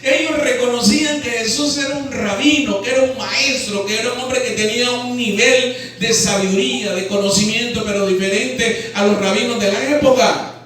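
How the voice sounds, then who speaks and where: A man's voice: very high-pitched, steady tone, normal speed, a crowd in the background. A man with a Nicaraguan accent preaching a Sunday sermon and firing questions at his congregation. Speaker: pastor. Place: church hall. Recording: very echoey hall, voice from far off.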